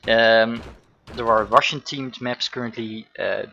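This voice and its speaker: A Dutch game developer from the Netherlands, at home, answers stream chat questions between gameplay remarks during a casual Q&A while he plays. He has a Dutch accent and a mid-range, gravelly, bright voice with a forceful, steady tone, a little slow. The audio is dull with a little hiss or hum.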